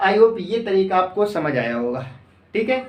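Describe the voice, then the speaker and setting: Brief: math tutor, quizzes the class and answers each question, dictates slowly, sits back from the mic in a roomy space. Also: medium pitch, very animated, far from the mic. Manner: asks the class questions and answers them itself; repeats phrases slowly as if dictating. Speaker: coaching class teacher. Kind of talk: exam-prep math lesson. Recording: echoey room, voice off-mic.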